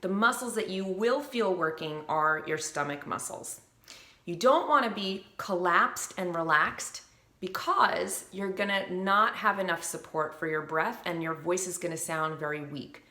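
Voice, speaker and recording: Unhurried and fairly low in pitch, a woman vocal coach explains beginner singing technique in an instructional video. Her bright, ringing delivery is clear and positive, occasionally dropping into short sung examples, and her surroundings add a roomy echo.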